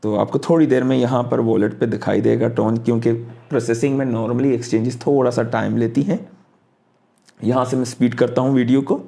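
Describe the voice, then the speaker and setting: Mellow-voiced man walking through a screen tutorial. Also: medium pitch, steady tone, moderate pace, gravelly. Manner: casual, thinks aloud while clicking through steps; mixes English phrases into his speech. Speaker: crypto tutorial host. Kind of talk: screen-recorded walkthrough tutorial.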